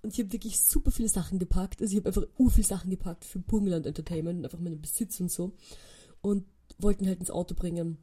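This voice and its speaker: A woman's voice: lowish voice, fairly even intonation, fast, dark tone, breathy edge. A woman in her twenties with an Austrian accent, chatting casually on her podcast, telling stories and mixing in English phrases. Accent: Austrian German. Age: 20s. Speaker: podcast host. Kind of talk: casual solo chat.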